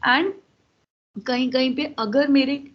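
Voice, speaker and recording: Breathy woman teaching in lo-fi sound. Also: high-pitched, fairly even intonation, slow. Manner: conversational, mixes English terms and asides to viewers. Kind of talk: explanatory lecture.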